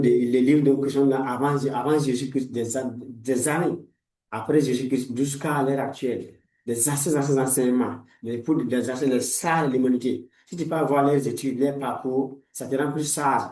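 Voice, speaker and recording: A man's voice: mid-range voice, darkish tone, reverberant, far from the mic, rough recording. A man in his forties, a life coach giving a motivational talk in a preachy, repetitive way, full of blessings. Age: 40s. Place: room lined with books, indoors.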